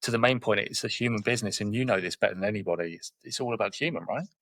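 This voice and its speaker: A man in his forties with a southern English accent, guesting on a podcast. He talks quickly and directly, acting out little exchanges as he goes, in a low-ish voice. The sound is close and dry. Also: a bit bright, no echo. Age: 40s. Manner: straight-talking, tells anecdotes with quoted dialogue. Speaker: guest, property investor. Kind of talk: podcast interview conversation.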